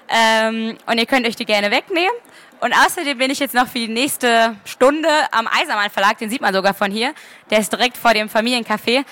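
A woman author reading her novel aloud at a book fair, lively and expressive. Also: fairly high pitch.

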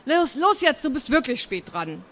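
Woman reading as a gruff but kind country aunt, loud and impatient, for a storybook. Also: high-pitched, big pitch swings, moderate pace, heavily acted. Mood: scolding. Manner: calling out, impatient, grumbling.

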